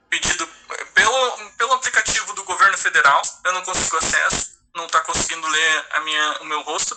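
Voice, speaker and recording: Hesitant Brazilian man in his thirties. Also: a little high. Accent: Brazilian Portuguese. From Paraná, Brazil. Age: 30s. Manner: halting, many restarts and hesitations. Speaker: lawyer and guest speaker. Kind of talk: personal testimony. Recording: noisy line with clicks.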